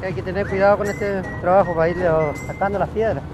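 A man's voice: high voice, fairly even intonation, quick pace, over music. A middle-aged fisherman from a Chilean island with a Chilean accent, giving short, modest answers on a small boat at sea. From Chiloé island, Chile. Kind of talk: casual interview answers.

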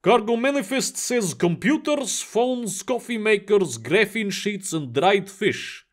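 A man doing a blunt, gruff dock chief. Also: high voice, animated, slow, pitched above the performer's own voice, heavily acted. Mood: matter-of-fact. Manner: matter-of-fact, dry.

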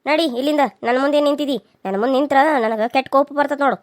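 A woman's voice: high voice, quick pace, natural voice. A woman voicing a jealous, taunting elder sister-in-law in a cartoon serial, with a North Karnataka Kannada accent. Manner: sharp, taunting.

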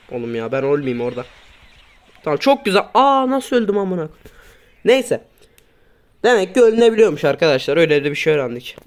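Excitable man swearing at a game. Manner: swears, mutters at teammates, swings between low grumbling and sudden loud outbursts. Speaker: gaming YouTuber. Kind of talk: casual gameplay commentary.

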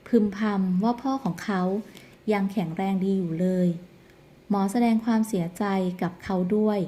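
A woman narrating the plot of a television drama episode in a steady storytelling manner. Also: mid-range voice, moderate pace.

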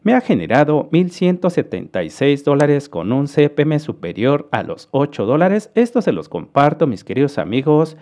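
A man's voice: on the high side, sing-song, normal speed, hardly any pauses, a little mellow. A man from Mexico with a Mexican Spanish accent, hosting a screen-recorded commentary and explaining figures to viewers in a friendly way. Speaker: host.

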